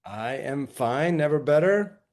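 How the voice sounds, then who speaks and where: A man's voice: fairly high pitch, expressive, measured pace, darkish tone. A man from New York as a podcast guest, chatting casually and telling anecdotes.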